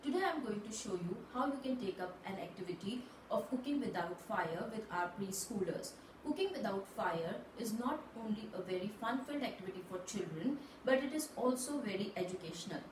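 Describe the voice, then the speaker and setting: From a table in a small room, a woman in her thirties who hosts her own channel explains a simple recipe step by step for parents, patient in her instruction. Her medium-pitched voice is animated and fairly quick, with background noise.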